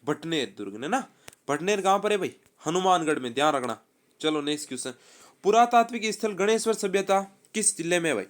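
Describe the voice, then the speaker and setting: A man teaching a live online exam-prep quiz class, reading options and repeating answers in a brisk, quizzing manner. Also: high-pitched, lively intonation.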